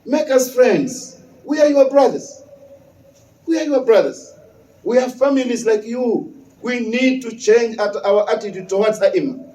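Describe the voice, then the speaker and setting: A West African imam preaches a Friday sermon, animated but a little slow, repeating key phrases for emphasis. His voice is high yet mellow. The distant mic picks up an echoing mosque hall and slight background noise.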